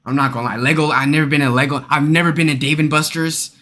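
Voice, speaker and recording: A young male streamer talking to his chat in a quick, bright, somewhat high voice. He jokes crudely and riffs casually on whatever comes up. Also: little pitch movement, slight background noise. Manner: rapid, joking, crude, talks to chat. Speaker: streamer reacting to a video.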